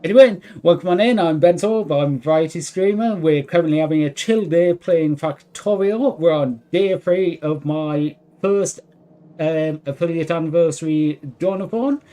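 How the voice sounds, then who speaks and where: A man with a fairly high, warm voice speaks at a moderate pace while streaming a video game, chatting casually and making self-deprecating remarks.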